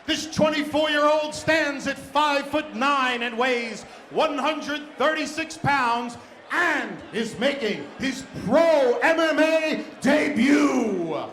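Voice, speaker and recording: A man working as a ring announcer, calling out fighters with a booming, drawn-out delivery in an arena. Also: a bit bright, slight background noise. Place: arena with crowd. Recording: echoey arena with music and crowd.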